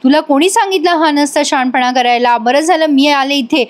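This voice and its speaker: A woman voicing a sharp, bossy young woman who scolds and reproaches. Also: sits high, normal speed, close to an everyday voice. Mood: scolding.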